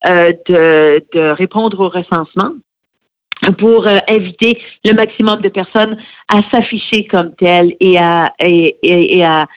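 This radio interview guest is a middle-aged woman who heads a francophone federation. Her pitch is fairly low and her pace measured as she earnestly explains, often hesitating. The audio has no room sound and is dry and slightly muffled.

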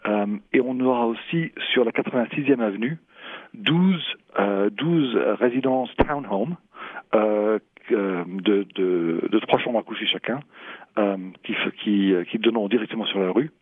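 A low-voiced man in gives unscripted interview answers. His voice is husky and he speaks haltingly, often repeating words as he searches for the next one. The sound is thin and phone-like. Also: dry recording. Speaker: property developer, executive interviewee.

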